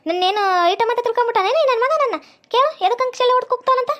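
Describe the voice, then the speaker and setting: A woman's voice: very high-pitched, very fast, a bit bright. A woman voicing an indignant young village woman in a cartoon, complaining in a North Karnataka accent. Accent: North Karnataka Kannada.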